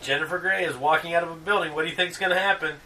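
A man co-hosting a casual movie commentary chat, jokey and animated. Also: a little high, very fast, distant mic. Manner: jokey, animated, does mock quotes. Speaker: podcast co-host.

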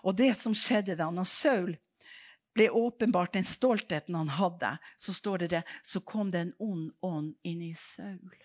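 A woman from Norway preaching a sermon, telling stories and acting out the people in them. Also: on the low side. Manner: animated storytelling, acts out dialogue.

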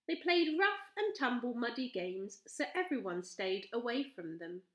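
A woman reading a children's storybook aloud, slowly and with expression. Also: on the high side. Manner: slow, expressive. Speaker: storybook reader. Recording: roomy echo.

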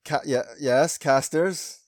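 A man's voice: fairly high pitch, slow pace, no room sound, studio quality. A man co-hosting a podcast, joking crudely and laughing often in casual banter. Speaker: podcast co-host.

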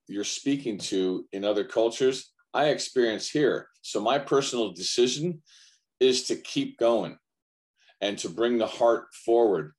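An American man, a guest coach, answers in a very deep, low voice. He talks earnestly and emphatically in a conversational interview, piling up repeated phrases to drive his point home. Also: darkish tone. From United States. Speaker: guest, men's culture coach.

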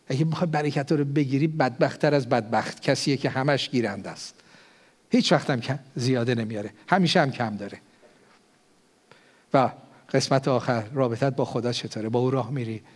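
The sermon comes from an older man, a pastor with a mid-range voice, whose delivery surges on key phrases and falls away into whispered prayer.

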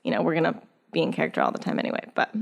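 Female guest, lower-pitched, animated storyteller, quick to laugh. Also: gravelly. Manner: animated, laughs often, lively acted quotes. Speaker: actress and guest, dungeon master. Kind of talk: casual interview chat.

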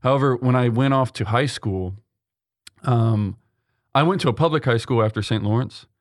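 In clean studio sound with no echo, a young seminarian from Texas, USA, takes interview questions at a moderate pace in a mid-range voice. He sounds earnest, stumbling through many ums and restarts in this conversational interview.

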